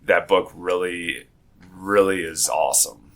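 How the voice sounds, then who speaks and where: A man's voice: low-pitched, measured pace, gravelly, fairly bright tone. A man with a groggy morning voice hosting a casual podcast chat, rambling and often restarting his sentences. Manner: rambling, with frequent restarts and self-corrections. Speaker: podcast host.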